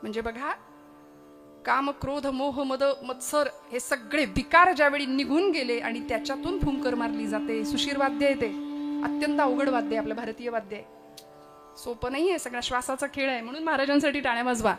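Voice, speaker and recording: A woman's voice: sits high, fairly quick, fairly bright tone, faint music behind. A woman preacher giving a devotional sermon, telling stories expressively and breaking into chanted and sung verses. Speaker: kirtan preacher.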